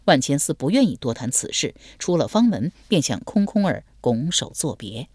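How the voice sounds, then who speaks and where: A woman narrating a historical novel as an audiobook, in an expressive storytelling cadence. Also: sits low, moderate pace, slightly rough, no room sound, studio quality.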